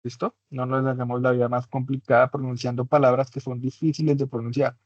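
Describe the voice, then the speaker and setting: A man's voice: medium pitch, flat delivery, a little fast, no echo, highs cut off. A man teaching an English class in Spanish, his first language, patiently explaining and checking understanding with tag questions. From Latin America.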